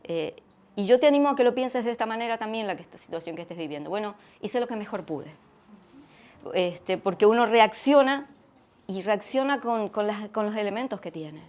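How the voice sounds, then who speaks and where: Middle-aged Argentine woman, church testimony, earnest and reflective, halting with many restarts. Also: mid-range voice, expressive, a little mellow. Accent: Argentine Spanish. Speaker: guest speaker sharing testimony.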